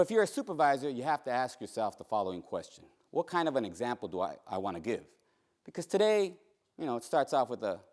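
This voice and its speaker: A man's voice: medium pitch, darkish tone. Emphatic male trainer. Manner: emphatic, joking, swooping emphasis. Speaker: workplace trainer. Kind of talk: training presentation.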